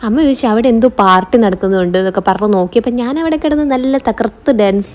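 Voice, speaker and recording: A woman's voice: medium pitch, very fast, a little mellow. A Malayali woman narrating a travel vlog casually, mixing English words into her Malayalam. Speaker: travel vlogger. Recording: music behind the voice. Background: music.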